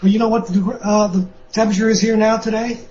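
A man being interviewed as a guest author, answering in a measured, plain way over a remote line. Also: sits high, flat delivery, a little mellow. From born in Austria, lives in the US. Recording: muffled remote line with faint hiss.

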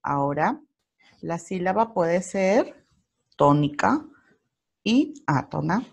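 A Peruvian woman teacher giving a recorded grammar lesson to primary school children. She speaks slowly and deliberately in a fairly low voice, pausing over each example word. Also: big pitch swings, creaky, slightly rough. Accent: Peruvian Spanish. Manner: slow, careful explanation with spelled-out examples.

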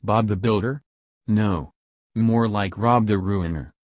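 A man reading out a rant, bluntly listing insults in a flat way. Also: on the low side, slow pace. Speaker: ranter.

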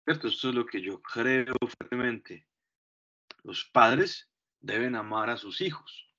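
A man teaching English grammar, explaining slowly and deliberately and checking in with short questions. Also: medium pitch, sharp tone. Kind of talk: bilingual grammar lesson. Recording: dull lo-fi recording.

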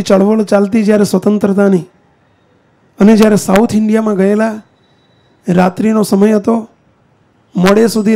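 High gravelly-voiced man preaching. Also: mellow. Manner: addresses the congregation directly with questions and challenges. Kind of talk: sermon. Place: temple hall.

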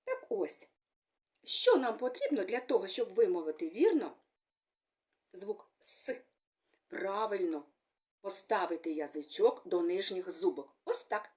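A woman speech therapist giving a gentle, sing-song speech lesson to young children, using fond little words for them. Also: mid-range voice, big pitch swings, a little slow, pauses often.

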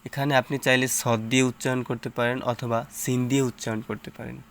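A man teaching Quran reading, sounding out each syllable slowly and patiently, with short explanations between drills. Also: mid-range voice, little pitch movement. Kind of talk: slow syllable-by-syllable recitation lesson.

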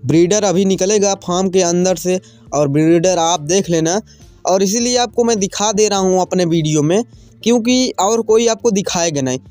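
Faint music plays behind a man narrating a casual farm vlog, where he shows livestock for sale and informally addresses viewers as friends. The channel host's voice sits high, a little mellow, at a moderate pace.

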